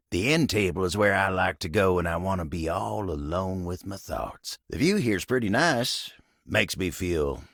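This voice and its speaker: This is a chatty, old-fashioned cowboy table from a video game, voiced low and gravelly with a folksy Southern drawl that rises and dips freely. He rambles politely, easygoing and a touch bashful, in a wistful mood. The heavily acted dialogue has a fairly bright tone and a dry, studio-quality recording.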